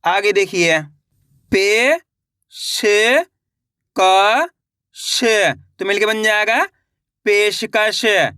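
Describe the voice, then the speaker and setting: A man teaching reading, sounding out each syllable slowly before joining it into a whole word. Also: high-pitched, sharp tone, smooth, no room sound, studio quality. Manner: slow drawn-out sounding out of syllables, then brisk coaxing to the class.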